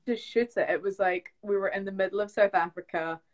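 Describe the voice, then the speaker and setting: A young woman from the UK chats easily on a phone live stream. Her voice sits in a middle pitch, and she talks loosely, sprinkling "like" and "um" through her stories. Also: fairly even intonation, brisk. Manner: chatty, lots of "like" and "um" fillers. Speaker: actress guest. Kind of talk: casual live-stream chat. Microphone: phone on a video live stream.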